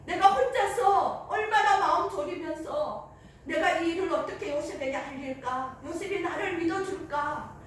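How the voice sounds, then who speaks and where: A woman's voice: very high voice, normal speed, slight background noise, pitched above the performer's own voice. Woman voicing Mary, tearfully thankful. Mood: tearful grateful. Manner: tearful, grateful prayer. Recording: echoey church hall, mic at a distance.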